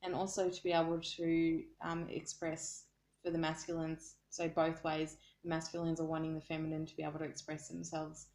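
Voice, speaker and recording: A woman's voice: low voice, monotone, moderate pace, a little mellow. A woman with an Australian accent gives a casual, earnest tarot card reading and often stops to search for her words. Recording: echoey room.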